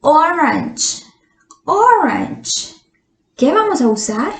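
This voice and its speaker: Slow, patient woman teaching grammar. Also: on the high side, lively intonation. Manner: patient, drawn-out explanations with quiz questions to students. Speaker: English teacher. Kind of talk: slow grammar lesson for Spanish speakers. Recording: echoey room.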